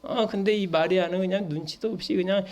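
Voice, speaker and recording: A man's voice: high voice, fairly even intonation, a little fast, a little mellow. A man, a pastor, leading a Bible study sermon in a church. He reads scripture aloud and keeps checking in with the congregation through short questions. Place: church worship hall.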